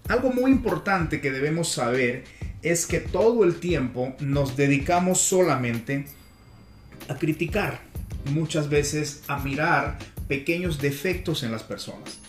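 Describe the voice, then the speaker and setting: A man's voice: a little high, lively intonation, measured pace. A man from Peru hosting a motivational audio course on communication, greeting listeners with emphatic lists of address. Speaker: podcast host and communication coach. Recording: roomy echo with faint music.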